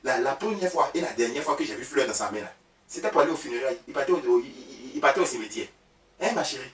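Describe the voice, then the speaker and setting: In a comic sketch, a man plays a chatty, boastful woman with an Ivorian French accent who gossips about her husband, animated and prone to loud outbursts. His natural voice is medium-pitched and fast. He's far from the mic in a roomy space, with faint background sound.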